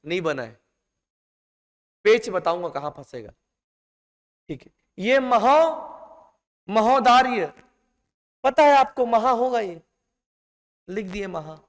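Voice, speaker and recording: A man with a high-pitched voice teaches a classroom lesson at an unhurried pace. He stretches out each stressed word for emphasis. The recording carries a long, ringing reverb from the room. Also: animated. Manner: emphatic, drawn-out stressed words, addresses students as "beta". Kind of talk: classroom lecture.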